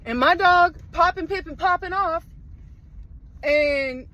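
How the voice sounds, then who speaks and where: A woman telling a rambling, profane comic story about her morning walk, with deadpan asides. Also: very high-pitched, slow, rough recording. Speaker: vlogger. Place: outdoors in a wooded park.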